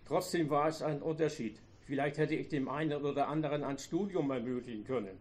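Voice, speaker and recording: A man voicing a retired old farmer who complains loudly and sarcastically about his grown children. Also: on the high side, fairly quick, lightly acted. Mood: reproachful. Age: older. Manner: loud, reproachful, sarcastic.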